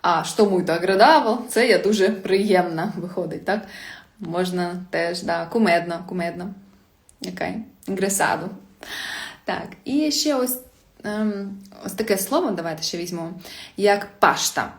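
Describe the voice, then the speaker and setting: A woman's voice: on the low side, moderate pace, long pauses. Chatty woman teacher in an echoey room. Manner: chatty, laughs often, reads viewer comments. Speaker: Portuguese language teacher. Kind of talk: casual live-stream lesson.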